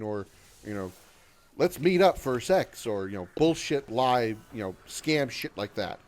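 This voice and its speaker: His voice is mid-range and a little mellow as this man in his thirties hosts a game livestream and chats with viewers. Rambling and repetitive, he stumbles over words and keeps running himself down in a gloomy, self-deprecating manner.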